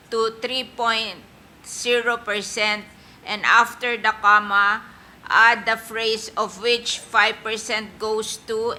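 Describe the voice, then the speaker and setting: A woman senator with a Filipino accent, formally and deliberately reading out amendments to a bill item by item in a legislative session. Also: mid-range voice, sharp tone. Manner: deliberate, itemized, procedural. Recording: noticeable background noise, session hall ambience.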